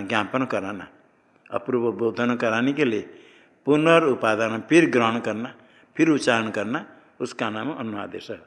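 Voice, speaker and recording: A man's voice: medium pitch, fairly bright tone. A man teaching Sanskrit grammar as a classroom lecture, explaining step by step and asking questions that he then answers himself. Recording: long reverb of a lecture hall.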